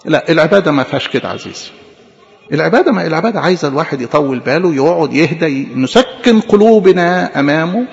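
Animated Egyptian priest preaching, echoey church. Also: male voice, a little high, creaky, muffled recording. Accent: Egyptian Arabic. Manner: animated, acts out quick imagined dialogues, repeats words for emphasis. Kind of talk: sermon.

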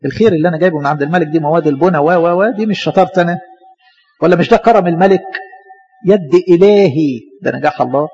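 A man with an Egyptian accent preaches quickly in a fairly high voice. He keeps asking rhetorical questions and briefly acts out what others say. The recording is slightly dull and lo-fi. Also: a little mellow. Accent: Egyptian Arabic. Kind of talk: sermon.

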